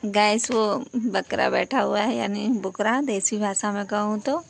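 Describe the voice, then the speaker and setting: A woman's voice: lively intonation, measured pace. A young woman and mother talking casually to her viewers in a home vlog, chatty and direct. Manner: chatty, addresses viewers as guys, shifts to high sing-song with her child. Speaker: vlogger, mother. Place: home during a power cut, fan or inverter running. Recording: clear background noise at home.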